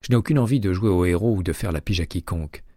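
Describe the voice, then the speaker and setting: Man doing a polite pushy ex-investigator guy on the phone, warm low dry voice. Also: quick pace, dry recording. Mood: persuasive. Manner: polite, persuasive phone talk. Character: retired male investigator with a transplanted heart, polite and persistent.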